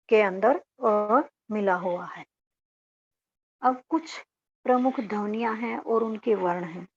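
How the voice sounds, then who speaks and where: A woman teacher with a Haryanvi-tinged accent talks through a Hindi grammar lesson at an unhurried pace, often putting a question to the class and then answering it herself. Her voice has a gravelly edge, and the recording sounds dull and lo-fi. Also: fairly high pitch. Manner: explains step by step, asks and answers own questions.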